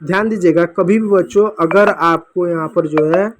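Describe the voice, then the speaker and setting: A man's voice: high-pitched, normal speed, slight background noise. A male teacher patiently walking young children through English reading at a board, repeating each step. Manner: patient, repetitive explaining to kids.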